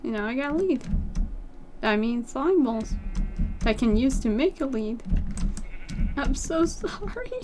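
A woman giving casual gameplay commentary, chatty, her voice jumping high when she gets excited. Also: moderate pace, long pauses, noisy background. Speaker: gameplay streamer.

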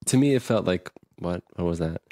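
A man's voice: deep voice, lively intonation, a little fast, dark tone, no room sound, clean studio sound. A man hosting a podcast, recapping a movie plot in a rambling, casual way and acting out what the characters say. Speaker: podcast host.

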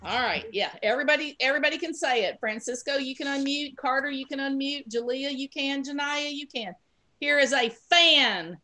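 A woman's voice: high voice, normal speed, sharp tone. A woman teaching an online pre-K class, giving patient, encouraging prompts over a video call.

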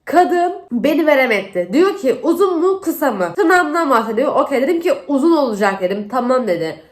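Animated high-voiced young woman vlogging. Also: fairly quick. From Turkey. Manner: animated, exasperated retelling with acted-out dialogue. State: has the flu. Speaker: beauty vlogger. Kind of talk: casual storytelling while doing makeup.

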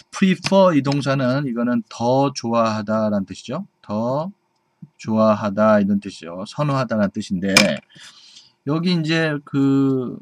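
A man's voice: medium pitch, darkish tone, no echo. Patient man teaching English grammar. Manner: patient, repetitive, checks in with "그죠?" and "예". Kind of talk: explanatory classroom lecture. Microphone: camera mic at a desk.

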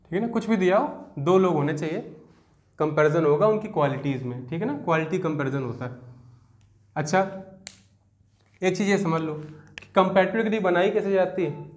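A man teaches English grammar with a Hindi accent, his voice pitched high. He walks through each rule step by step, asks rhetorical questions and then answers them himself. The room around him is noticeably echoey. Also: moderate pace, long pauses. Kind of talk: classroom lecture. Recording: roomy echo.

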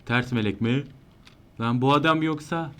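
Excitable man yelling over a game. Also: mid-range voice, normal speed. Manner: excitable, yells and chants in panic when chased. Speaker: gameplay streamer. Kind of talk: live horror game commentary.

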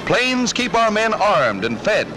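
A man narrating a 1940s wartime newsreel in a brisk, punchy, patriotic manner, heard as an old newsreel soundtrack. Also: high voice, big pitch swings, poor audio. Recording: narration over loud music.

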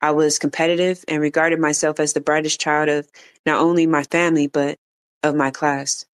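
Audiobook narrator; flat, smooth, measured delivery. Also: medium pitch. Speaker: audiobook reader. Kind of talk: reading an autobiography aloud.

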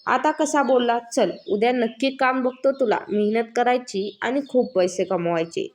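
A woman's voice: a little high, normal speed, darkish tone, natural voice. A woman voicing a scheming, lecherous male village moneylender in a spoken story, menacing and coaxing. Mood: sly friendly. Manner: menacing, coaxing then threatening.

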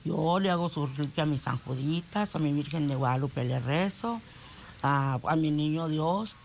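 A woman's voice: low-pitched, normal speed, a little hiss or hum. Older northern Mexican woman, emotional storyteller. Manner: emotional retelling, acting out family dialogue. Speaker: interviewee. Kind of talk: telling her story to a reporter.

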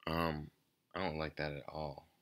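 A man giving casual, off-the-cuff game commentary in a quiet, low-energy, hesitant and rambling way. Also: little pitch movement, measured pace. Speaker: gaming channel host. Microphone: speaking away from the mic at times.

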